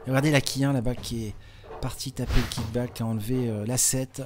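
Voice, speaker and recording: A man's voice: mid-range voice, steady tone, quick pace. Male sports commentator, conversational, explains every shot; light background noise. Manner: chatty, explanatory, with frequent hein and euh fillers. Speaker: bowling commentator.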